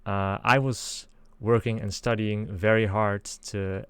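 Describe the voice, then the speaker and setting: With a lowish, smooth voice and a steady tone, this young Dutchman speaks slowly on a dry recording. He's a channel host in his twenties from the Netherlands, reading a scripted monologue in an earnest, carefully hedged way.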